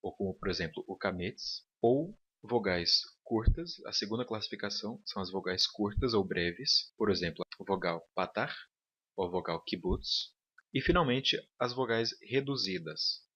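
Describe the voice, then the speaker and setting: A man's voice: on the low side, animated, moderate pace, fairly bright tone, slightly rough. A man teaching a recorded online lecture, explaining step by step and often checking in with his students. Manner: patient, checks in with "tá bom?". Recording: dull lo-fi audio.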